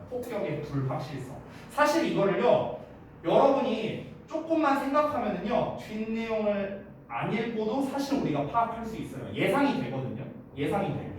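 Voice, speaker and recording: 반복하며 설명하는 남자 영어 강사. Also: male voice, sits high. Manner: explains step by step, repeats key words, asks students rhetorical checks. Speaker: English teacher. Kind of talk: online lecture to high school students. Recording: roomy, distant mic with faint hiss.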